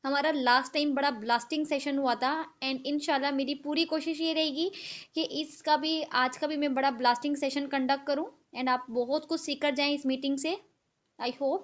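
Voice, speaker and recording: High-pitched woman trainer, code-switching, many filler okays, lo-fi call audio. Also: steady tone. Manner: mixes English and Hindi, fills with "ठीक है"; slows down to spell out key terms. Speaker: online team trainer. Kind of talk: live online training session. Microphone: video call.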